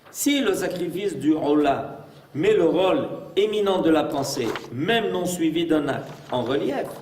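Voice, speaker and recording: A man's voice: on the high side, a little mellow. A man as a rabbi giving a religious lesson, emphatic and full of rhetorical questions. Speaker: rabbi teaching a class. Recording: echoey room, mic far off.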